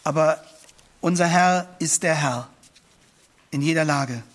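A man's voice: a little high, slow pace. A man preaching a sermon, retelling a story in an earnest, storytelling manner that rises to emphatic declamation.

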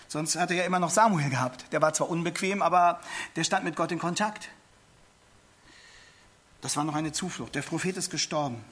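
German-speaking preacher, slightly high voice. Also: male voice, fairly bright tone. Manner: expository Bible teaching, addresses listeners directly; repeats words when emphasizing. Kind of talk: sermon.

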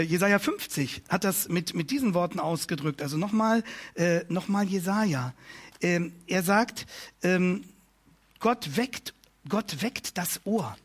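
A man preaching a sermon, emphatic and building his points through repeated phrases. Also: high-pitched.

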